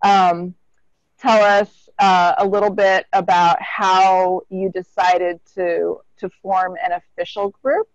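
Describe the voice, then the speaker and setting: Low-voiced woman hosting an online town hall. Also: dull audio. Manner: earnest, with some halting restarts. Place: small indoor room. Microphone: webcam on a video call.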